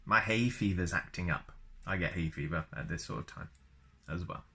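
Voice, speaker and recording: A low, sharp-toned male voice reads a book aloud at normal speed. Playing the storyteller, he's chatty and tends to drift into casual personal asides.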